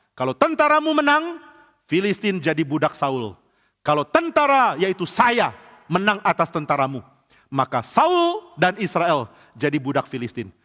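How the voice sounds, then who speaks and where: Man doing Goliath, booming mocking giant. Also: big pitch swings, measured pace, bright, forceful tone, big-room sound, heavily acted. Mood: challenging. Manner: booming, with a deep "ho ho ho" giant laugh. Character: boastful giant male warrior, loud and mocking.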